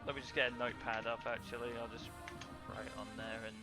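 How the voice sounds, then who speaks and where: A man's voice: medium pitch, little pitch movement, fast talker, music in the background. A man narrating a tabletop game as game master, hesitant with many fillers and restarts.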